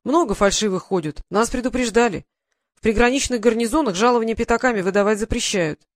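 A man voicing an eager, simple soldier with folksy talk, raised in pitch and loud. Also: quick pace, no room sound, lightly acted.

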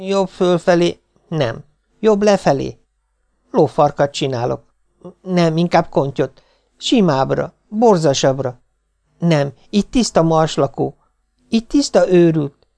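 A flustered sixteen-year-old girl flips back and forth between choices, as a male reader puts her on. Her voice sits higher and leaps around restlessly. It is a storybook audiobook voice. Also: expressive, vocal fry, long pauses, a little mellow. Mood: fretful. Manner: flustered, flip-flopping, sobbing.

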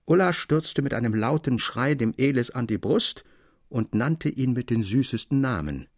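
A man's voice: medium pitch, expressive, moderate pace, no echo, clean studio sound. A man reading a classic literary tale aloud with a dramatic, varied delivery. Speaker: reader.

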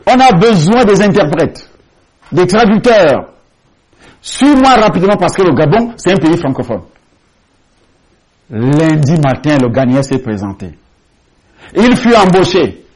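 A man's voice: a little high, big pitch swings, a little slow, long pauses, darkish tone, husky, low-quality recording. A man preaching a sermon as pastor, telling a testimony in an emphatic storytelling manner and repeating key phrases for weight. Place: large rented church hall.

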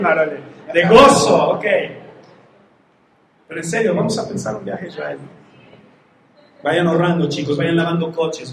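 A man preaching a lively sermon, acting out Bible characters and joking with his congregation. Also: fairly high pitch. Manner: animated, acts out characters, jokes with congregation. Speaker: pastor. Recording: echoey hall, faint background noise.

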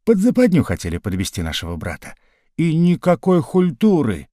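A man's voice: on the high side, wildly swooping pitch, normal speed, no room sound, studio quality, pitched above the performer's own voice. A man playing a brash young Cossack. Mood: scornful. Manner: coarse, aggrieved, shouting.

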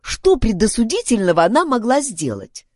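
A woman's voice: fairly high pitch, sing-song, normal speed, no room sound, studio quality. A woman voicing a cautious boy detective who keeps warning his companion in a storybook. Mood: urgent.

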